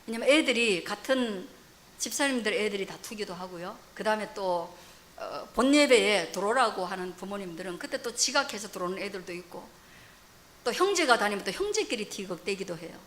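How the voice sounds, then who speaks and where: A woman pastor preaching a sermon, asking rhetorical questions, rising loud and dropping to soft asides. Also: medium pitch, lively intonation, brisk.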